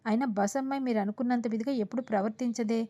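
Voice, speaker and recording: A woman voicing a young man who reproaches his elder calmly but firmly. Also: a little high, rapid-fire, natural voice. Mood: reproachful. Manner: reproachful, reasoning.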